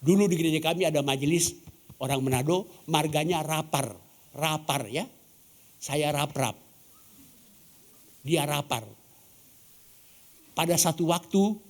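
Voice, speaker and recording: A pastor from Ambon preaches in a church, his voice sitting a little high for a man. He keeps turning questions back on the congregation and slips into the voices of the people in his stories. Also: a little slow, pauses often. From Ambon, Indonesia. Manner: questions the congregation, acts out quoted dialogue. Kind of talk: sermon.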